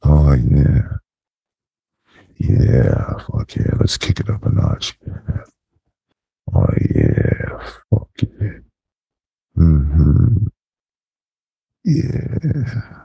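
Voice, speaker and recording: A man with a voice pitched down to an extreme depth murmurs slowly and commandingly, his tone gravelly and breathy. The recording is dull and lo-fi, with no room sound at all. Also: wildly swooping pitch, no echo. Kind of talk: intimate erotic hypnosis monologue.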